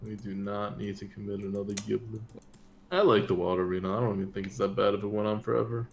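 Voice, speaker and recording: Jet-lagged male streamer, gravelly, casual game chat. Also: fairly low pitch, little pitch movement, fast talker, a little hiss or hum. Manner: tired, drowsy, yawning. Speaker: streamer playing a card game.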